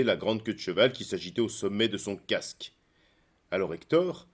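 Man narrating a serialized tale, calm and expressive, lowish voice. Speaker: storyteller. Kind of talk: scripted narration.

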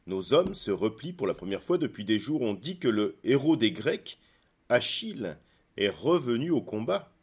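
A man's voice: medium pitch, big pitch swings, normal speed, husky. Man voicing Hecuba, solemn old queen mother. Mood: grave. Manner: grave, quiet.

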